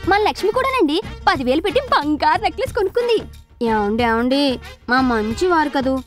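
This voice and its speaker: A woman's voice: sits high, big pitch swings, brisk, soft background music. An actress playing a young wife coaxing her husband for shopping money in a comedy film. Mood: wheedling. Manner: wheedling, sing-song.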